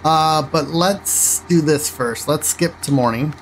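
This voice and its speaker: A man's voice: on the high side, slow, a little hiss or hum, rough recording. A man casually commenting on his driving game as he plays, thinking aloud and rambling between choices. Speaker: gaming channel host.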